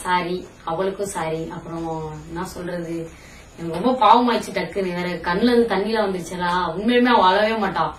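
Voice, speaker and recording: A woman's voice: lowish voice, a little fast, roomy sound, distant mic, low-quality recording. Young woman vlogger, blunt and teasing, faint background hiss. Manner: blunt, scolding, then teasing. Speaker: prankster vlogger. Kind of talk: casual prank vlog, bickering.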